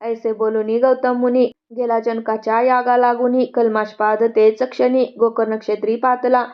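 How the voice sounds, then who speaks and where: Woman reader, higher voice, flat even chant of sacred verses, dull lo-fi sound. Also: moderate pace. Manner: steady, even verse-by-verse recitation. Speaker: devotional scripture reader.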